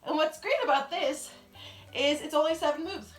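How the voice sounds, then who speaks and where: A woman's voice: sits high, moderate pace, reverberant, faint music behind. A young woman working as an aerobics instructor, cueing a home workout in an encouraging way as she exercises. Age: young adult. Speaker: fitness instructor, channel host. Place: home living room. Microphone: camera on the floor a few feet away.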